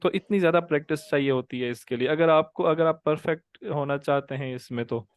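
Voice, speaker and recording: Smooth-voiced man teaching tajweed. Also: on the high side, dry recording. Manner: patient, drills sounds and calls students by name; drawn-out demonstrated letter sounds. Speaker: Quran recitation teacher. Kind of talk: online tajweed class. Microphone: video call.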